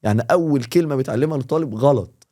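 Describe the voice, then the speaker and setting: A man with an Egyptian Arabic accent, a teacher talking in a casual podcast and explaining with quick, animated examples. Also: mid-range voice. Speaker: English teacher, podcast guest.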